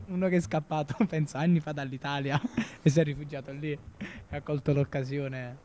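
A man's voice: a little high, steady tone, moderate pace, dark tone, slight background noise. A male guest in casual comic chat, chuckling and rambling, his voice electronically altered to hide who he is. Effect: electronically altered voice to hide identity.

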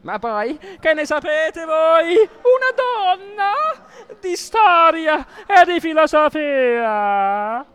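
A man's voice: very high-pitched, sing-song, extremely slow, fairly bright tone, pitched above the performer's own voice, heavily acted. A man voicing a pompous seventeenth-century priest who scolds and preaches with indignation, in a comic theater reading. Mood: indignant. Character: pompous 1600s male priest scolding a woman.

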